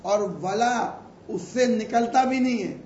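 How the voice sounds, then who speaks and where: A man teaching a class, reading Arabic phrases slowly and explaining them in a chatty, teasing way. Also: very high voice, a little mellow, slight background noise. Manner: chatty, teasing asides to students. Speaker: teacher of religious law. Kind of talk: lecture explaining an Arabic text. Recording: echoey, dull room recording.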